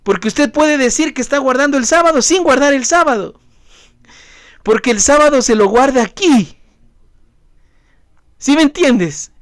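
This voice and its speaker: A man's voice: very high-pitched, lively intonation, moderate pace, long pauses, dry recording, studio quality. A man who is a pastor preaching a sermon, emphatic and questioning the congregation directly. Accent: Ecuadorian Spanish.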